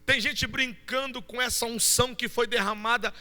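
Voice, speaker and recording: A man with a Brazilian Portuguese accent preaching a Pentecostal sermon, shouting fervently and then dropping to soft storytelling. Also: very high voice, steady tone, normal speed, big-room sound. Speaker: pastor. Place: church.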